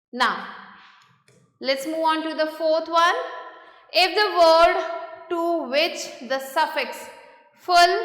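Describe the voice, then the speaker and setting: High, bright woman teaching grammar. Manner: reads English rule text slowly, then explains quickly in Hindi mixed with English. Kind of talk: grammar lesson, reading rules slowly then explaining in Hindi. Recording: echoey room with long reverb.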